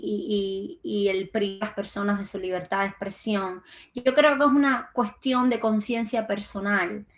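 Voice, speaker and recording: A young woman from Cuba, a guest in a political interview, speaking with frequent fillers and restarts. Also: medium pitch. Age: young adult. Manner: hesitant, many fillers and restarts. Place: lives in Florida.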